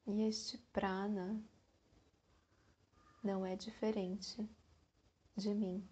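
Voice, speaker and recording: A Brazilian woman guiding a meditation in a soft, soothing, breathy voice with long pauses, like a calm spa session. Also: medium pitch. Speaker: meditation guide. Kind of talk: guided meditation narration.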